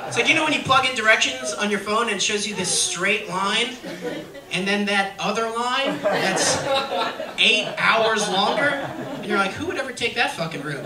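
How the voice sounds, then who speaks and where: A man's voice: high-pitched, measured pace. A man doing a stand-up comedy set on a music hall stage, with a brash, punchy delivery and frequent check-ins with the crowd. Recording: echoey venue, distant, loud crowd noise.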